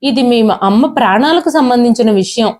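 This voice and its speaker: A woman's voice: on the high side, lively intonation, normal speed, a little mellow. A woman voicing a desperate elderly retired father who tearfully pleads with his son. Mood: begging.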